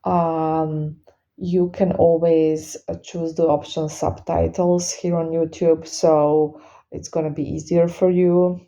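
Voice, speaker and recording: Woman, non-native English speaker, very dark low voice, retainer lisp, halting unscripted monologue, muffled audio. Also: level tone. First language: not English. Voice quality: slight lisp from wearing retainers. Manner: halting, searching for words. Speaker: spiritual reader and spellworker hosting a Q and A. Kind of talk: unscripted casual monologue to followers.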